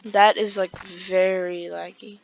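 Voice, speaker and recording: A woman's voice: lowish voice, flat delivery, slow pace, gravelly, muffled recording, slight background noise. A woman with a groggy voice, rambling through casual gameplay commentary with lots of fillers. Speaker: gaming video creator.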